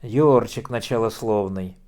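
A man's voice: on the low side, normal speed, a little mellow, lightly acted. A man voicing a fawning, giggling male scribe in an audiobook reading.

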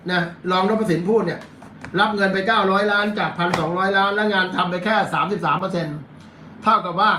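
A man with a Thai accent hosts a live commentary show as a lawyer, speaking in a high, bright voice. He is blunt and coarse and reads headlines aloud between filler sounds. The room is echoey, with faint ambience behind him. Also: slight background noise. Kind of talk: casual live-stream commentary.

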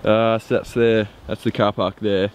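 A young Tasmanian vlogger speaks at normal speed in a voice on the low side, with flat delivery. Out on a wet, windy mountain, he films himself with a handheld camera at arm's length, rambling enthusiastically with ums. Noticeable background noise runs through the outdoor recording.

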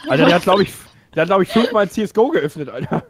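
A man jokes and pleads playfully with his fellow players. His voice sits a little high and moves in a lively way. Faint noise sits behind the headset chat. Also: racing. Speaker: let's play co-player. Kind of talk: casual gaming chat.

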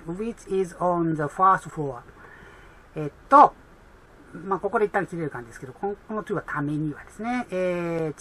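Chatty woman tutoring, husky bright voice. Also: lowish voice. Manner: chatty, many fillers, reads English slowly. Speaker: English exam tutor. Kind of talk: explaining an English reading test.

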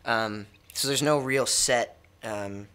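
Speaking slowly in a medium-pitched voice that is bright, forceful, clear and resonant, a young musician from the United States answers interview questions in a studio. He uses a stand mic, and his casual talk is full of hesitations and repetition.

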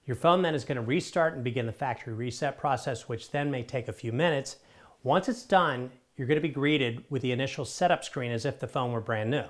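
A man's voice: mid-range voice, a little fast. A middle-aged man hosting a scripted tech how-to, talking in a direct, upbeat, conversational way on a lapel mic in a studio. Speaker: tech tips host. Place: in front of a studio screen wall, indoors.

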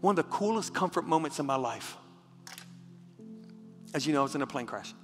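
A man preaching a passionate sermon as pastor, repeating words when moved and dropping to a hush for a personal story. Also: fairly high pitch, expressive, a little fast. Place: church sanctuary. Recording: church hall with reverb and faint music.

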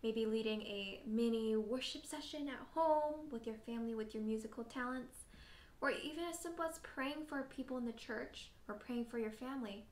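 High-voiced woman leading children's worship. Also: normal speed, roomy sound. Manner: gentle, speaks directly to children with questions. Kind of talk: children's lesson and prayer.

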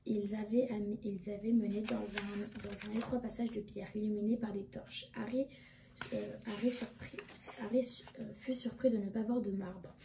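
A woman reading a casual summary of a novel, halting with many restarts and fillers. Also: mid-range voice, steady tone, creaky. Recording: echoey room with background noise.

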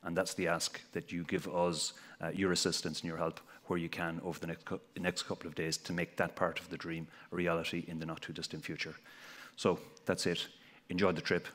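A man's voice: sits low, level tone, fairly quick, a bit bright. A middle-aged man from Galway with a west of Ireland accent, giving a wry, informal welcome speech from a stage. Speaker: conference speaker. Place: large hotel ballroom, on stage. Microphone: headset. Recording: reverberant large hall.

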